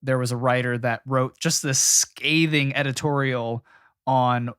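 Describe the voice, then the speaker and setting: A man's voice: mid-range voice, fairly even intonation, measured pace, a bit bright, clean tone, no room sound, studio quality. A young adult man co-hosting a casual podcast chat, talking loosely with many "you know" fillers. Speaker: podcast co-host.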